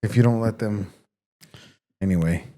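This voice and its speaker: A man co-hosting a podcast in casual chat, mostly chiming in with quick agreements and short remarks. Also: fairly low pitch, mellow. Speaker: podcast co-host.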